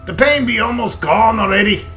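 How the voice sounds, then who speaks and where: High, agitated ghostly dwarf warrior. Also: male voice, moderate pace, bright, forceful tone, soft background music. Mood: grave, urgent. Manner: archaic dialect with 'ye' and 'be', exclamatory.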